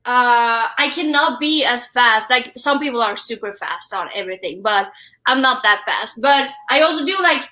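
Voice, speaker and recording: A young adult woman from Sweden with a Swedish accent, a drummer talking in a casual live-stream interview, halting, with many fillers and restarts. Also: on the high side, lively intonation, pushed and bright. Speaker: guest drummer. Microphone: wireless headphones.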